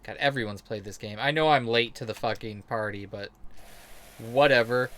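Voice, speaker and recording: This game streamer tells stories as he plays, his mid-range voice a little bright and his pace moderate. His commentary is casual and rambling, full of swearing, sarcasm and jokes at his own expense.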